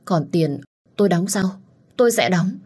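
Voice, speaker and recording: A woman's voice: on the low side, expressive, normal speed, darkish tone, husky. A woman voicing a poor, hardworking uncle who pleads anxiously for his son. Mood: pleading. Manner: pleading, worried.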